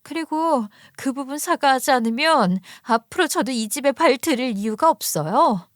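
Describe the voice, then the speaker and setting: A defiant young woman lashes out at her mother, bitter and accusing, as a woman reader plays her. Her voice sits high and a little hushed. The read is dry and close, like an audio storybook. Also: lively intonation, moderate pace, dry recording.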